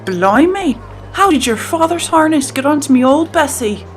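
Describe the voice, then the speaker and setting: A woman's voice: medium pitch, lively intonation, normal speed, close to an everyday voice. A roguish pirate captain, acted out by a woman storyteller, boastful and flirtatious in a thick stage pirate brogue. He speaks heartily and coaxingly, with music playing behind him. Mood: blustering, feigned surprise.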